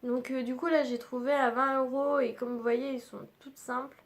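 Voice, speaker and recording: A woman's voice: high-pitched, fairly even intonation, normal speed. A woman beauty vlogger chatting casually through a haul at home, full of fillers and restarts. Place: indoors at home.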